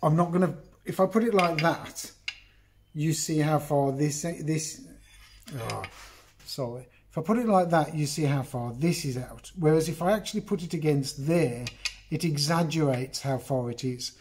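A middle-aged English man chats his way through a woodworking job, breaking off his own sentences to talk straight to the viewer. His voice sits a little high, recorded on a phone set on the bench. Faint clicks and workshop noise sit behind him. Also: normal speed, a little mellow. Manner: chatty, rambling, self-interrupting, talks to the viewer. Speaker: woodworking video host. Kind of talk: casual workshop demonstration. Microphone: phone camera on the bench, moved around.

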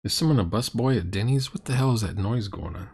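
A middle-aged man reacts to a tabletop roleplaying video as a critic, blunt, sarcastic and exasperated. His voice is on the low side, gravelly and husky with a darkish tone, and he talks fast and animatedly.

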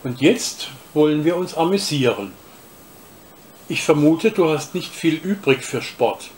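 A man reading aloud and voicing a prim, superior female porcelain cat that speaks slowly and condescendingly. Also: on the high side, animated, darkish tone, slight background noise, pitched above the performer's own voice. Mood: haughty.

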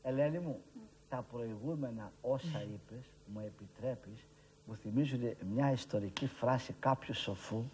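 A man's voice: medium pitch, warm tone, breathy edge. A man moderating a televised panel debate, politely asking leave to speak and repeating his phrases. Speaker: discussion moderator.

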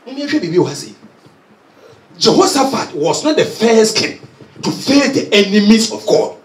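High, lively preacher in an echoey hall. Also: male voice, moderate pace. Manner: energetic preaching, pacing and gesturing, often shouting. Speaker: head pastor. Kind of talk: sermon, mixing Twi and English. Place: church hall with carpeted floor. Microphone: handheld mic. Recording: echoey hall recorded from a distance.

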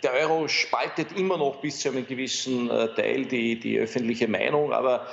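A man talks through poll numbers on a TV studio set, stopping often to restart his sentences and fill gaps with small hesitations. His voice carries a gravelly, creaky edge, and the broadcast sound is a little muffled. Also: medium pitch, fairly even intonation, moderate pace, slight background noise. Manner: hesitant, many fillers and restarts. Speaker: pollster guest expert. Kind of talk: studio interview analysis.

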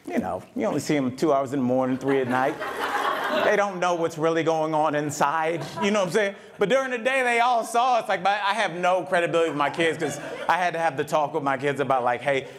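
A middle-aged man doing a stand-up comedy set at a live event, talking in a conversational, animated way with lots of asides. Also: a little high. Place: live event venue with audience. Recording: live venue with loud crowd. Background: audience laughter.

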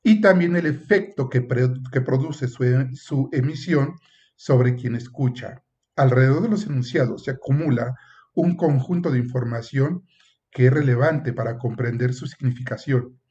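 A man's voice: mid-range voice, normal speed, warm tone, muffled recording. A man lecturing as a professor, explaining at length with frequent filler sounds and acting out short example exchanges. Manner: acts out short example dialogues. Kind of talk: university lecture.

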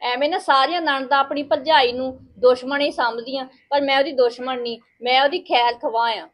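A woman playing a village wife with a high voice, sarcastic, lecturing, sharp-tongued, family skit acting. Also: fairly even intonation, a little fast, lightly acted. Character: village wife lecturing her sister-in-law.

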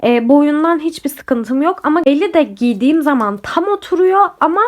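A woman's voice: sits high, lively intonation, normal speed. A young woman chatting casually to camera about clothes she bought, talking straight to her viewers, her voice a little off from being sick. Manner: chatty, addresses viewers directly, frequent fillers. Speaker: lifestyle vlogger. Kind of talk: casual haul and review chat to camera.

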